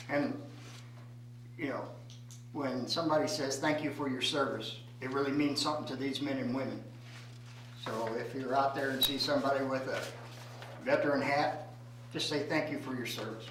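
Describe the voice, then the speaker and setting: An American man speaking as a mayor, giving a plainly spoken report at a formal meeting in a halting way, sometimes repeating words. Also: a little high, a bit bright. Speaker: mayor chairing a city council meeting. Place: indoor city meeting room. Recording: echoey room, distant mic, faint hum.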